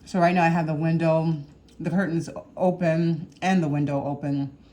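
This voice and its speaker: A woman cooking vlogger with a low-pitched, dark, level voice chats casually to her viewers at a normal speed while eating a meal at home. She rambles with hums and small laughs, in a kitchen or dining room with the window open.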